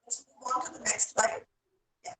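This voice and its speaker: A woman's voice: moderate pace, pushed and bright, reverberant, far from the mic. A woman giving an online lecture, her voice distorted and breaking up over a phone mic. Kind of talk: online lecture on research writing.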